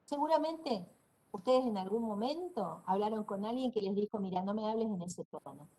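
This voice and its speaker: Lecturer, female, northeastern Argentine accent, husky, mid pitch, demonstrates sounds while explaining. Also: expressive, normal speed, warm tone, rough recording. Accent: northeastern Argentine Spanish. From Corrientes, Argentina. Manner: explanatory, demonstrates pronunciations aloud. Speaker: university lecturer. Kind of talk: online class lecture.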